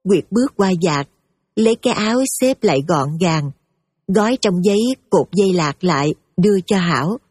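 A woman giving steady, emotive scripted story narration over faint music. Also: fairly low pitch, normal speed, husky, dry recording, clean studio sound.

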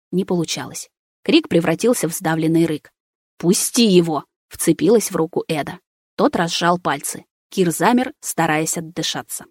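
A woman's voice: on the low side, a little mellow, slightly rough, no room sound, studio quality. A woman narrating a first-person story aloud in a tense, dramatic way. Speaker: audiobook narrator.

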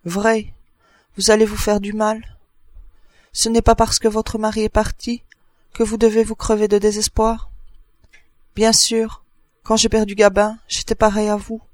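A man reading an audiobook, voicing a gruff, kindly old neighbor woman who chats bossily. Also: sits high, monotone, measured pace, long pauses, no room sound. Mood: consoling. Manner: bustling, bossy, chatty.

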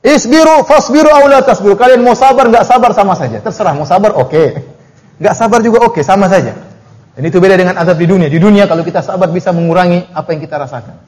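Male preacher, higher register, animated exegesis with recited verses. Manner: animated, mocking asides, slow chanted Arabic recitations. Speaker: Islamic preacher. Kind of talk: Quran exegesis lecture.

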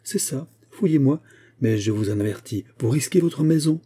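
A man's voice: medium pitch, normal speed, warm tone, husky. A man reading aloud, voicing a proud aristocratic countess who answers with imperious indignation. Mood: haughty threatening. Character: haughty aristocratic countess caught shoplifting, indignant.

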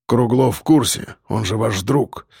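A narrator puts on a stubborn bodyguard in a storybook reading, speaking low and clipped with a restrained edge. The voice is gravelly and husky and sounds close and dry. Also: male voice, measured pace, darkish tone, no echo, exaggerated voice. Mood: grim.

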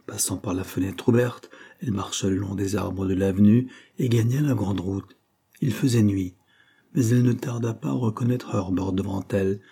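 A man narrating a classic novel as an audiobook, reading in a steady, measured way. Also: on the low side, vocal fry, breathy edge.

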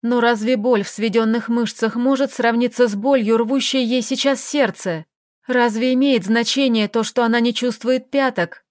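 A woman's voice: a little high, fairly even intonation, normal speed, no room sound. Woman narrating, dry close sound. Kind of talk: audiobook narration.

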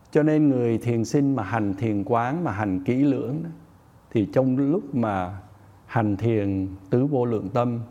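Man, meditation teacher, dharma talk, measured delivery, Pali terms. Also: medium pitch, a little mellow. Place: meditation center.

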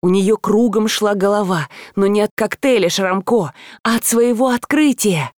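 A woman narrating an audiobook in an expressive, emotional reading. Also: medium pitch, normal speed, no echo. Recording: dry close studio sound.

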